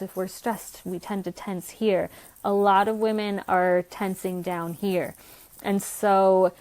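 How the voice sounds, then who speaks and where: A woman's voice: mid-range voice, darkish tone. Young adult woman, physical therapist guest; earnest, explanatory, podcast interview. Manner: explanatory, earnest, speaks from clinical experience.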